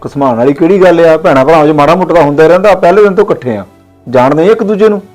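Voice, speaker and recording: An actor playing the brother of the house, friendly and quick to smooth over family quarrels. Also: male voice, on the high side, a little mellow, faint music behind, lightly acted. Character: older brother of the house, hearty and placating. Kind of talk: village family drama acting.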